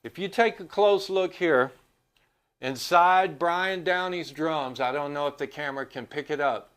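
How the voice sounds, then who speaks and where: A man's voice: fairly high pitch, a little slow, a bit bright, clean tone. A middle-aged man vlogging, telling a story about a record in a chatty, enthusiastic way. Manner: enthusiastic, chatty, acts out quotes. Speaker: music vlogger.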